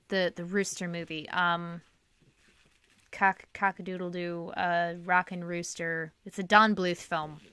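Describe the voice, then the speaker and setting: A woman hosting a podcast, telling rambling animated stories in casual chat. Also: fairly low pitch, clean tone, dry recording. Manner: animated, rambling storyteller, breaks into singing. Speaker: podcast host.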